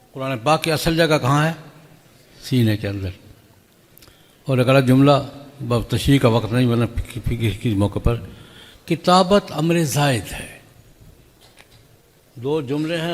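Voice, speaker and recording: A man's voice: mid-range voice, lively intonation, long pauses. An older man from Pakistan, preaching at a graduation ceremony in a folksy way, with stories and rhetorical questions. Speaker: religious scholar. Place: large hall. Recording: long hall reverb.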